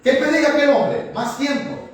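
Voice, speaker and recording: A man's voice: very high-pitched, steady tone, normal speed. A man preaching a sermon, often asking the congregation questions. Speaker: pastor. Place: church. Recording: echoey room from far off.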